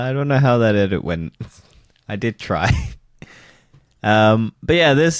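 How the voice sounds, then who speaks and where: Man, rambling co-host, casual swearing, expressive pitch, dry sound. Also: no echo. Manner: rambling, laughing, swears casually, many fillers. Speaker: podcast co-host. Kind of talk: casual chat.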